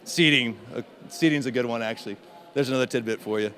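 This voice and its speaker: A man talking as an interview guest in a casual conference chat, with many fillers and halting restarts. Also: medium pitch, a bit bright, a little hiss or hum. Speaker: interview guest, in-house SEO specialist.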